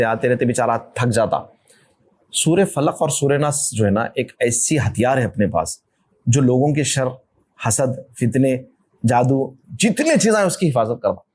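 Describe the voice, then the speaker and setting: A man with a South Indian Hindustani accent, leading a marriage workshop as an informal religious talk, conversational and animated, teasing his listeners and acting out quick voices. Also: medium pitch.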